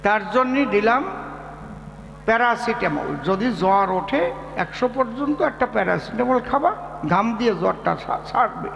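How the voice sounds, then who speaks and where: A man's voice: high voice, animated, creaky, a bit bright, exaggerated voice. A man playing a fussy, coaxing village doctor. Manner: slow, coaxing instructions with checks for understanding. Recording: echoey hall with faint music.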